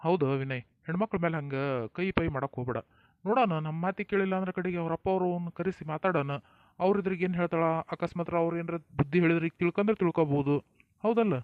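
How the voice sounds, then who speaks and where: A man's voice: a little high, quick pace, no echo, narrow, tinny audio. A man with a North Karnataka accent acting in a family comedy skit, folksy and coaxing, sometimes stern. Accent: North Karnataka Kannada.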